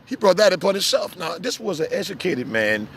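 A man preaching casually outdoors as a street preacher, telling animated stories and acting out little voices. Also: high voice, a little fast. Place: outdoors in the sun.

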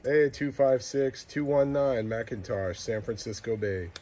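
Male CB operator, unhurried clipped call-outs, mistuned ham radio sound, very noisy signal. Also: mid-range voice. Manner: clipped call signs and place names. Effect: mistuned ham radio, single-sideband. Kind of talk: repeated CB radio calls.

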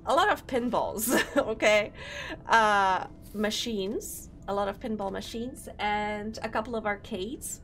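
A bubbly young VTuber from Poland chats casually while gaming on a live stream, welcoming her viewers. She's a native Polish speaker with a Polish accent and a fairly high voice, and there's slight background noise.

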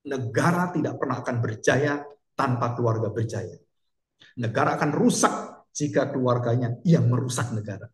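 A man voicing a grieving old king and loving father who speaks quietly and pleadingly, in an echoey church hall. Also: medium pitch, lively intonation, moderate pace, natural voice. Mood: grieving, firm.

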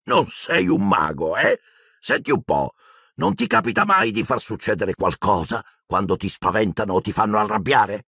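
A man doing Hagrid, gravelly kindly giant. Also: lowish voice, sing-song, normal speed, pushed and bright, dry recording, clean studio sound, heavily acted. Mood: teasing. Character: huge gruff kindly male giant gamekeeper.

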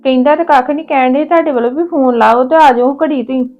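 A woman with a Punjabi accent playing a resentful sister-in-law in a family drama, curt and sharp with her visitor. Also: high voice, fast talker, narrow, tinny audio, faint music behind.

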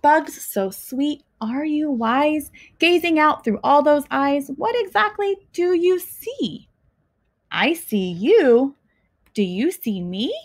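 Her fairly high voice moving very slowly, a young woman reads a picture book aloud to children as their teacher. Each short phrase gets its own pause and clear emphasis in this expressive storytime, recorded in a small home living room.

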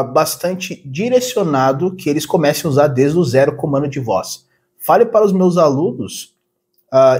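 A man in his thirties from southern Brazil, an English teacher chatting casually with an AI tutor, relaxed and informal, repeating words as he talks. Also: on the high side, slightly rough. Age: 30s. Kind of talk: casual practice with an AI.

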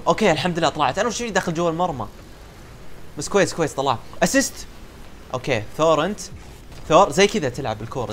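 A young man giving excitable live commentary on a car soccer game, yelling at goals and teasing his teammates. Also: a little high, slight background noise. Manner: excitable, shouts at goals, trash-talks teammates. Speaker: gaming YouTuber.

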